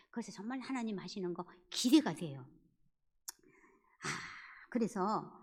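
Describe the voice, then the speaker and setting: A woman's voice: fairly high pitch, a little mellow. A middle-aged woman giving an evangelism talk at a church, telling stories and acting out the dialogue and prayers. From Korea. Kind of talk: testimony-style evangelism talk. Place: church sanctuary. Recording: church hall with long reverb.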